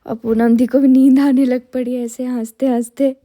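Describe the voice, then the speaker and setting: A woman's voice: sits high, flat delivery, moderate pace, dark tone. A woman who owns a salon, narrating her day in a chatty vlog and talking to her viewers between stories. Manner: chatty, talks nonstop, friendly asides to viewers. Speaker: salon owner vlogger.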